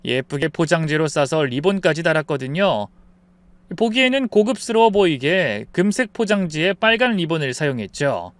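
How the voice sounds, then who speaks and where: A man reading a scripted first-person story as narrator, in a lively expressive manner. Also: fairly high pitch, normal speed, no echo.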